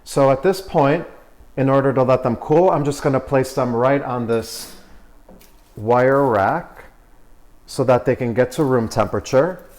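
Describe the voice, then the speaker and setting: A man co-hosting a home cooking video, walking through baking steps in a relaxed, instructive way. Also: mid-range voice, a little slow. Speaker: cooking show co-host. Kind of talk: cooking demonstration.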